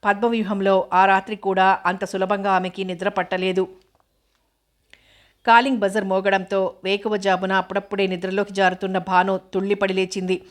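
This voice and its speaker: Woman, audiobook narrator, measured reading, mid pitch, flat even delivery.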